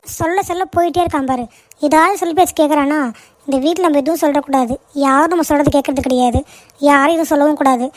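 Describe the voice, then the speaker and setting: A woman's voice: high voice, steady tone, quick pace, no room sound, natural voice. A woman voicing a middle-aged cartoon mother who scolds and complains about her household. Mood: grumbling. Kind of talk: cartoon voice acting.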